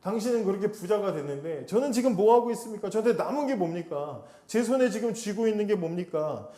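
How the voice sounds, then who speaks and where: A man's voice: sits high, expressive, quick pace, dark tone, echoey room, pitched above the performer's own voice. A man voicing Jacob as an aggrieved, overworked man who pleads and protests about what he is owed. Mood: indignant. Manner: pleading, indignant outbursts. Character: aggrieved overworked man demanding his due.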